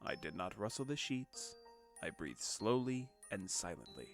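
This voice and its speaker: A man narrating a comedic parody of a storybook, shifting from a calm reading into crude, sarcastic asides. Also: low voice, a little slow. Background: background music.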